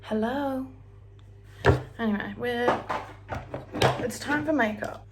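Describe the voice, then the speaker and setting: This get-ready-with-me clip features a young beauty vlogger with an Australian accent, chatting and rambling while doing her hair and makeup at home. She sings fragments of songs and sometimes whispers. Her voice is on the high side and slow, and the recording is very noisy.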